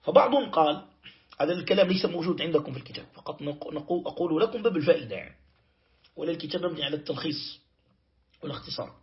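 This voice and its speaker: Man teaching a Quran lesson, high voice. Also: animated, highs cut off. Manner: explains slowly, quotes verses and checks with "clear?". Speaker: Islamic teacher. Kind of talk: tafsir lesson.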